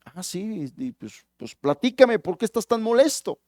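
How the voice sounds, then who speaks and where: A man voicing a pastor who questions a troubled man calmly and softly. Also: high-pitched, normal speed, dry recording, clean studio sound, voice pushed up. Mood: calm probing. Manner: calm, questioning, soft-spoken. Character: calm, probing male pastor counseling.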